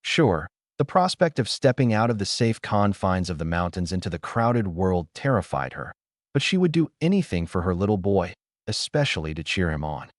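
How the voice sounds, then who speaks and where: A man narrating a fan story in an expressive storybook style. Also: low voice, moderate pace, dry recording, studio quality.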